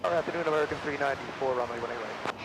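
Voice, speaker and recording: Clipped man on a noisy aviation radio. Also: medium pitch. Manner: rapid, terse radio phrasing. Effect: aviation radio transmission heard over a scanner. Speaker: air traffic radio speaker. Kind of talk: clipped air traffic radio calls. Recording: noisy, distant radio scanner feed.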